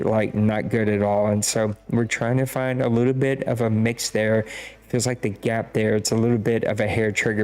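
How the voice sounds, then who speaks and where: Scores get a casual, rambling, self-deprecating recap from this podcast host, who speaks with a Cajun accent in a somewhat low, darkish voice. He's from Louisiana, and Cajun French is his first language.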